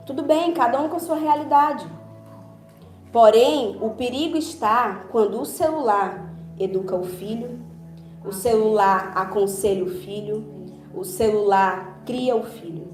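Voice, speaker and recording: A woman's voice: on the high side, unhurried, a little mellow. A woman pastor preaching a conversational sermon, acting out little dialogues along the way. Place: church hall. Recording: roomy church hall with faint music.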